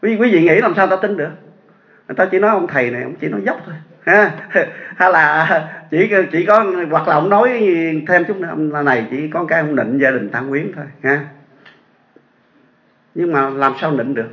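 A man's voice: a little high, a little fast. A man with a Southern Vietnamese accent, a Buddhist monk telling a story in a sermon and putting rhetorical questions to his audience. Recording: echoey dull lo-fi sound.

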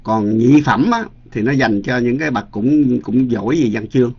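Monk telling a dharma story. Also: male voice, medium pitch, animated, moderate pace, husky. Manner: chatty storytelling with many fillers and repeated words. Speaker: Buddhist monk teacher. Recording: dull lo-fi recording.

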